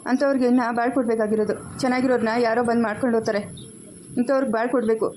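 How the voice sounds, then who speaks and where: A woman playing a fast-talking, determined young groom. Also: fairly high pitch, steady tone, background noise, lightly acted. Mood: reassuring. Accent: Kannada of the Chikkaballapur region. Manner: reassuring, firm.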